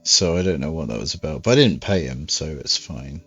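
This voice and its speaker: A man's voice: rumbling low, lively intonation, fairly quick, fairly bright tone, breathy edge, soft background music. A man streaming a game, rambling and dry, with self-mocking asides. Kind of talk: live game-stream commentary. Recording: dull, dry stream audio.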